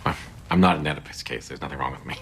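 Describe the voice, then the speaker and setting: A man's voice: very deep voice, rapid-fire, slight background noise. A man playing a hapless, flustered social worker in a comedy series, often exasperated. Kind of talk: sitcom acting.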